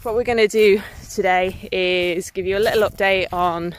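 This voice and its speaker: A woman's voice: mid-range voice, steady tone, normal speed, clean tone. A woman, vlogging casually to a handheld camera in a farm field. She is slightly out of breath, chatty and giggly, with lots of ums. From England. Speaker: smallholding vlogger.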